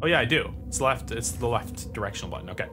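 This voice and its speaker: A man's voice: medium pitch, lively intonation, fast talker. A man giving casual, chatty commentary while playing a video game, thinking aloud and swearing now and then. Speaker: gameplay commentator. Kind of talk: casual let's-play commentary. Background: game sounds and music.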